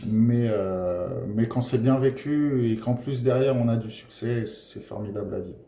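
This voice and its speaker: A tarot card reader gives his viewers a casual guidance monologue, gentle and encouraging yet hesitant, pausing often with filler sounds. His voice is mid-range, and the roomy, echoey room adds slight background noise.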